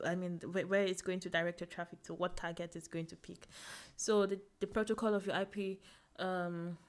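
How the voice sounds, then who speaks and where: A young woman hosts a casual screen-share lesson, talking through the material in a slightly low voice. She thinks aloud, restarts her sentences and laughs now and then at her own slips. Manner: thinking aloud, fillers and self-corrections, laughs at herself. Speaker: tech tutorial host.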